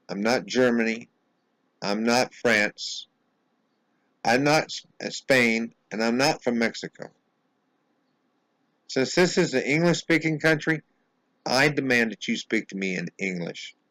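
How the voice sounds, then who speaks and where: Indignant American man, halting and insistent. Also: mid-range voice, a bit bright, dry recording, rough recording. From United States. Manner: halting, repeats words, frequent "uh" restarts. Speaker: vlogger. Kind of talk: angry monologue to camera.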